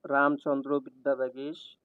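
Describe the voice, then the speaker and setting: A man reading exam questions and their answers one after another in an even, steady cadence, like a tutor. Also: mid-range voice, normal speed, no room sound. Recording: tinny, dry, phone-like sound.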